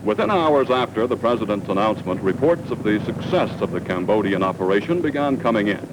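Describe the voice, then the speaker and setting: A man's voice: on the low side, sing-song, brisk, background noise. A man giving formal, scripted narration in the manner of an old newsreel announcer.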